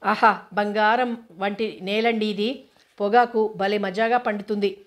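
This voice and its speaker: A woman reading the lines of a dreamy man who mutters slowly to himself. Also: mid-range voice, fairly even intonation, close to an everyday voice. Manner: muttering, slow.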